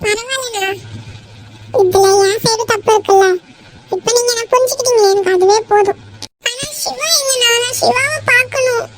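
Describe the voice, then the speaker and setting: A woman's voice: moderate pace, a little hiss or hum, rough recording. A woman voicing a tearful young woman in a cartoon, pleading and sobbing as she insists on her love. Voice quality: very high shifted cartoon voice. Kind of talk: cartoon voice acting.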